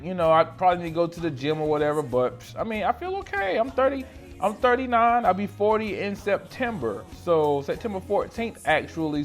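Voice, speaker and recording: A man, answering questions about himself in a casual, slangy vlog, talking close to the camera in a small room. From North Carolina, USA. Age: 30s. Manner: playful, slangy, animated, jumps between loud exclamations and low asides. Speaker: esthetician vlogger. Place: small room lit by colored lights. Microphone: camera in front of him at close range.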